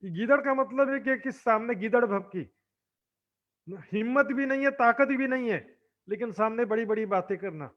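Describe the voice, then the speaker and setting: A man telling a devotional story as a sermon, animated and acting out the characters, in a dull lo-fi recording. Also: very high-pitched, moderate pace. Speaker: religious storyteller.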